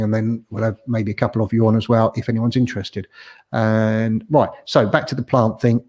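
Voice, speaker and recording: A man's voice: lowish voice, a little mellow. A man hosting a live stream, chatting casually and reading out viewers' comments, rambling with lots of fillers and joking asides. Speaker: host of a live property stream. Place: home, garden nearby.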